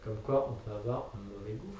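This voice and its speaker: Casual male co-host, dark mellow tone, jokey mock-commentator delivery, echoey room with a distant mic. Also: lowish voice, expressive, brisk, a little hiss or hum. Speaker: co-host of a fantasy football draw. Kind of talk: casual banter.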